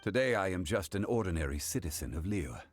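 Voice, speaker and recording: A man voicing a calm, dignified former god living as a gentleman in a video game, formal and measured. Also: deep voice, slight background noise. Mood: stately, resolute. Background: music behind the voice.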